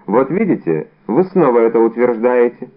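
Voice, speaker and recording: A cool, ironic musketeer answers with dry mockery, as a male audiobook reader plays him. His pitch moves freely. The sound is narrow and tinny, like a phone line. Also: moderate pace, natural voice. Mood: calm ironic. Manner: calm, dry, mocking. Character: calm, ironic male musketeer around thirty. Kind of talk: audiobook character reading.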